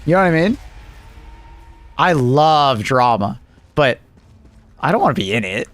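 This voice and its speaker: A man's voice: on the high side, sing-song, a little slow, a bit bright, no room sound, faint music behind. A man live streaming, chatting casually with his viewers and reacting to their messages with joking, rambling asides.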